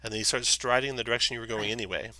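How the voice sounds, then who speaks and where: A man's voice: medium pitch, fairly even intonation, very fast, bright, forceful tone, dry recording, poor audio. A man acting as game master, narrating and refereeing a tabletop game.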